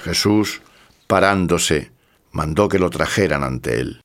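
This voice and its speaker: A man narrating a scripted audiobook in a steady, measured way. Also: low-pitched.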